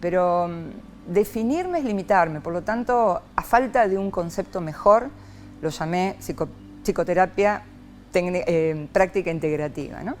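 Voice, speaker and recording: A woman's voice: lowish voice, unhurried, soft background music. A woman from Argentina, a psychologist talking expressively as an interview guest. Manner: expressive, lively, frequent rhetorical "¿no?". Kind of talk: reflective interview talk.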